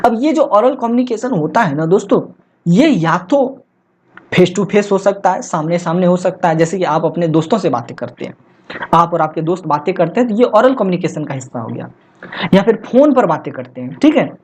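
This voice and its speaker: A male tutor with a mellow, soft-edged voice gives an explanatory online lecture. He keeps asking his listeners questions and then answering them, and he checks in with a frequent "okay". When he reads English passages from the book, he slows down and stumbles over the words. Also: high voice, animated, husky. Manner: asks rhetorical questions and answers them himself, often says "theek hai"; reads English textbook lines slowly and haltingly. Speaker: exam-prep tutor. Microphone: voice-only recording, face not shown.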